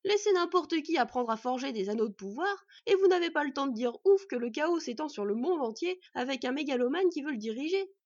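A woman voicing a proud old male dwarf blacksmith with booming, emphatic exclamations. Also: lively intonation, brisk, no room sound, highs cut off. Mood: alarmed.

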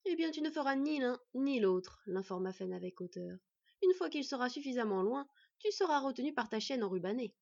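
A woman's voice: on the high side, animated, moderate pace, vocal fry, hardly any pauses, darkish tone, no room sound. Woman voicing a fierce protective she-wolf. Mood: firm. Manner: firm, commanding. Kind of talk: audiobook reading. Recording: dry, slightly dull recording.

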